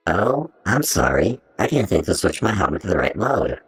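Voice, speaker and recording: A man testing a live voice changer that shifts his voice deep down, repeating one line while tuning the settings. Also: sing-song, normal speed, breathy edge, faint music behind, exaggerated voice. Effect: deep pitch-shifted voice changer. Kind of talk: live voice changer test during a game stream.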